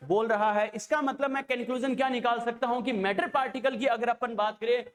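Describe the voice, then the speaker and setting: A man with a notably high voice teaches a chemistry lesson. He talks to his students like a fond elder, calling them children and pausing every few phrases to ask whether they are following. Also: fairly even intonation. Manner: coaxing, keeps checking understanding with rhetorical questions; addresses students fondly as children. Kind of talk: classroom lecture.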